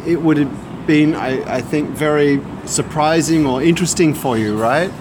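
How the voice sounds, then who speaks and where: A man's voice: fairly high pitch, normal speed, background noise. A man working as an interviewer, asking conversational questions patiently and putting them in simple words.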